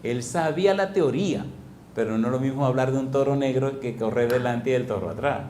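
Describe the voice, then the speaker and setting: A man's voice: medium pitch, brisk, a little mellow, a little hiss or hum. A man preaching a sermon as pastor, asking the congregation questions and answering them himself. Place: church hall. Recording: echoey church hall.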